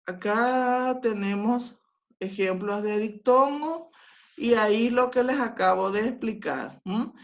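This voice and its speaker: A woman teacher giving a patient class over a video call, often checking that her students follow along. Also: a little high. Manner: slow, patient explaining with frequent filler sounds and checks. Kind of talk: online class lecture. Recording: dull lo-fi audio.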